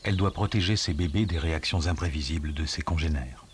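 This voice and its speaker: A man reading scripted nature documentary narration in a measured, explanatory storytelling manner. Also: a bass voice, a little hiss or hum. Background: music under the voice.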